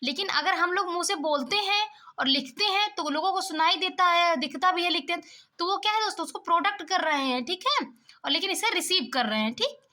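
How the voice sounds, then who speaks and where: Young female teacher with a high, bright voice; reads questions slowly, explains briskly. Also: expressive. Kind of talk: exam-prep English lesson.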